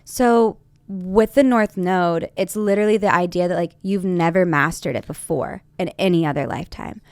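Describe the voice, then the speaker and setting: A woman's voice: lowish voice, normal speed, no echo. A woman hosting an astrology chat show, talking in a bubbly, upbeat way full of "like". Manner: bubbly, upbeat, filler-heavy. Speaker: astrologer podcast host. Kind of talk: casual interview chat.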